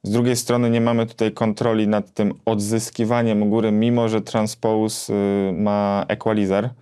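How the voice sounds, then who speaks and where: A man in his thirties co-hosts a guitar gear review show from a small indoor home studio, casually explaining and demonstrating equipment. His voice is lowish, dark and smooth, with a flat delivery at normal speed.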